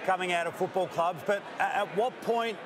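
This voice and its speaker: Male studio pundit, raised pitch, eager and repetitive. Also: moderate pace, crowd noise, noisy background. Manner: enthusiastic, repeats words. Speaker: panelist. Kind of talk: sports panel discussion.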